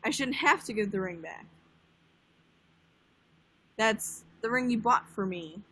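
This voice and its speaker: A woman's voice: mid-range voice, lively intonation, slow pace, pushed and bright, rough recording. An eighteen-year-old woman chatting casually on a livestream, laid-back and swearing offhandedly. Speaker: livestream guest. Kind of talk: casual chat.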